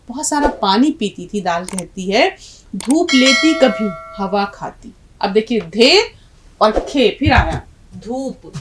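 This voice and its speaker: A woman teaching an Urdu lesson, reciting a poem and slowly spelling out letters to her students. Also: medium pitch. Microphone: lesson video.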